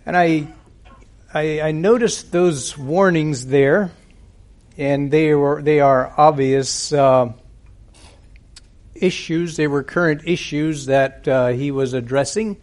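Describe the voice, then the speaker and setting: A man preaching and praying at a church service, speaking into a pulpit microphone in an unhurried, deliberate way with frequent pauses. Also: mid-range voice, gravelly, a little mellow. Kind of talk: sermon with prayer.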